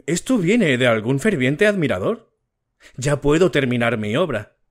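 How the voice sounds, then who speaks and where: A man's voice: medium pitch, animated, moderate pace. A man voicing a poor young male playwright in an audiobook reading, exclaiming gladly.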